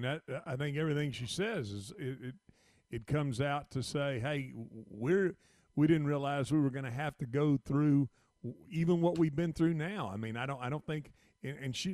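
A man's voice: on the high side, darkish tone, no room sound, clean studio sound. A man co-hosting casual sports radio talk, often restarting and rephrasing his thoughts.

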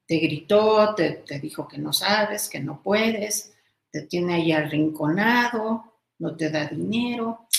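A woman giving a slow, reflective motivational talk, asking the listener many questions and acting out their inner doubts. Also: on the low side, vocal fry, reverberant, poor audio. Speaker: self-help speaker.

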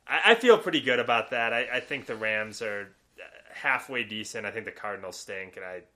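A man co-hosting a casual sports podcast, blunt and opinionated, with quick asides. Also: on the low side, lively intonation, pushed and bright. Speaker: podcast co-host.

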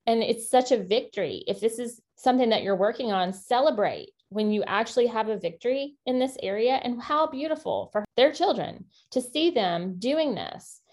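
A woman co-hosting a casual faith-based parenting podcast, talking in an earnest, encouraging way with quick asides. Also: fairly high pitch, lively intonation, darkish tone. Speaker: podcast co-host.

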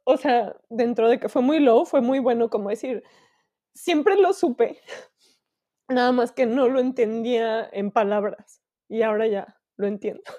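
A woman's voice: a little high, steady tone, normal speed, warm tone. A Mexican woman in her thirties, co-hosting a podcast in candid, emotional casual chat, swearing freely. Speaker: podcast co-host.

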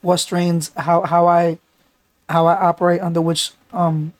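A man with a New York accent hosting a podcast, his voice raspy because he is sick; he talks in long, thoughtful, run-on sentences. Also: a little high, little pitch movement, measured pace, no echo. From the Bronx. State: sick, under the weather. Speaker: podcast host. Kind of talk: casual chat.

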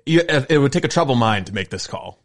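A man with an average-pitched voice introduces segments as a co-host. He chats casually and matter-of-factly, sometimes halting as he goes. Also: animated. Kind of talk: casual chat.

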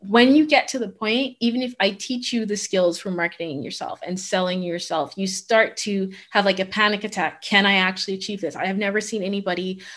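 A woman's voice: mid-range voice, fairly quick, few pauses, a bit bright. A woman from the Bahamas, a career coach, speaking candidly and emphatically in an interview. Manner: candid, emphatic, laughs in disbelief at anecdotes. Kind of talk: conversational interview.

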